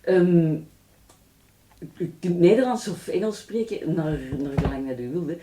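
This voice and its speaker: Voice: mid-range voice, lively intonation, measured pace, dark tone, slight background noise. A radio co-host, asking guests casual, chatty questions in a studio. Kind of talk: radio interview.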